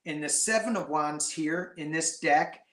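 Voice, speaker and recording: Male guest, slow and jokey, roomy echoey sound. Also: a little high, a bit bright. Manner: slow, joking, self-mocking. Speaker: tarot reader guest. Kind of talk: casual chat reading tarot cards. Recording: echoey room.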